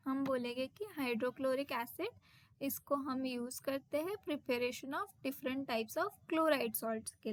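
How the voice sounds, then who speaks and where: A woman teaching a science lesson in a high, light voice, taking her time over each point. She reads the English terms out slowly and deliberately. The sound is dry and close, with no room around it. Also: no echo. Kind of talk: textbook lesson explanation.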